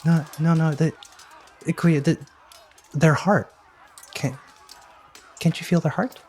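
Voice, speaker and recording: A man voicing an excitable companion who talks into a hero's ear, stammering and insistent. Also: fairly high pitch, slow, pitched above the performer's own voice. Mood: insistent, flustered.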